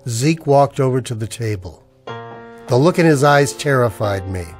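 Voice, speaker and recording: With soft music in the background, a man plays a weary, cynical, down-on-his-luck character narrating a noir tale in the manner of old radio plays. His medium-pitched voice is animated yet close to everyday speech, moving at a moderate pace, and the scripted mood is brooding.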